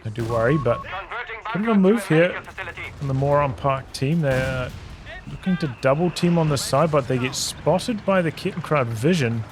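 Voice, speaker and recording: A man giving relaxed, analytical play-by-play commentary on a strategy game replay, thinking aloud as the match unfolds. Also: a little high, normal speed, over music. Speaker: game caster. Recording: game battle sounds over the voice. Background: game gunfire and artillery.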